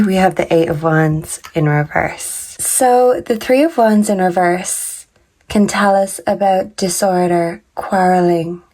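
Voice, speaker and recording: A woman reading tarot cards in a relaxed, casual way. She is sick, so her voice sits low and deeper than normal. She speaks slowly and haltingly, pausing and sometimes tripping over a word. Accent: Canadian. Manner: slow, halting, stumbles over words. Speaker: tarot reader.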